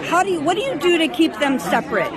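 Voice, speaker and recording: A woman with a high voice asks eager, chatty questions at a premiere. She is a red-carpet entertainment reporter. A crowd chatters clearly behind her. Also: animated, fast talker. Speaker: entertainment correspondent. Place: busy premiere event. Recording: loud crowd noise behind.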